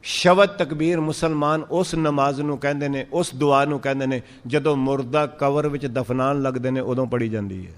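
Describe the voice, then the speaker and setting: A man with a Punjabi accent giving a sermon, drawing out verses slowly and then explaining them in lively speech. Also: mid-range voice, big-room sound. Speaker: Sikh preacher. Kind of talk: sermon on scripture.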